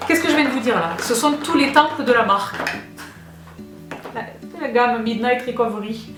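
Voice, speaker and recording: Female beauty vlogger, 30s, gushing and excitable, roomy echo, faint music underneath. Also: on the high side, normal speed. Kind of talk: casual chat unboxing products. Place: indoors, seated.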